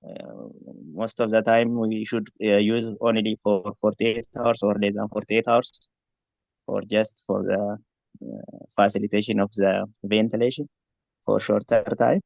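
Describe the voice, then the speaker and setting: A man from Ethiopia, a student answering in an online tutorial, measured with many fillers. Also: on the low side, flat delivery, gravelly, a little mellow, no echo. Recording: dry, dull call audio.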